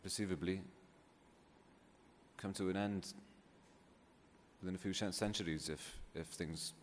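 In an echoey hall with clear background noise, a man from Wales gives an unscripted public talk as a poet. Welsh is his first language, and his accent shows it. He speaks a little slowly in a low voice with fairly even intonation, pausing thoughtfully and hesitantly.

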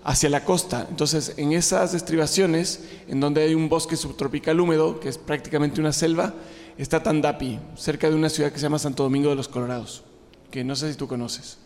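A man's voice: a little high, steady tone, brisk, a little mellow. A man from Ecuador in his forties, an illustrator giving a humorous talk to a live audience, joking and self-deprecating, with frequent fillers and restarts. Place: large hall with an audience. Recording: long hall reverb.

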